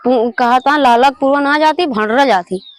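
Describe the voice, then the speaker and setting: A woman's voice: high voice, moderate pace, no room sound, close to an everyday voice. A woman playing a plain-spoken, tattling villager in a comedy skit, with an Awadhi accent. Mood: reporting. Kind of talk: rural comedy skit acting.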